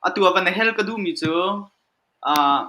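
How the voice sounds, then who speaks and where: A man speaking in a panel discussion in an animated way. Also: sits high, moderate pace.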